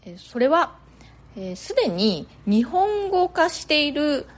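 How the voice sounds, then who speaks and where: A woman's voice: sits high, big pitch swings, slow pace. A middle-aged Japanese woman hosting a podcast in a chatty, casual monologue full of fillers. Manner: chatty, frequent filler words. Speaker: podcast host.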